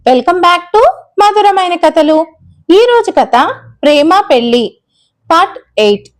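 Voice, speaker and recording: A woman's voice: extremely high pitch, expressive, unhurried. A woman narrating a family love story in Telugu, reading all the characters' lines herself. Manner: reads all the dialogue herself with little change of voice.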